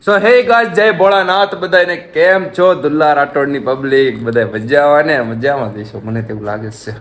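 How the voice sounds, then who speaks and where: A man's voice: on the high side, moderate pace, faint music behind. Playful young man vlogging in dialect. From Gujarat, India. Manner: playful, pleading. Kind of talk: casual vlog chat. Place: family home, rooftop.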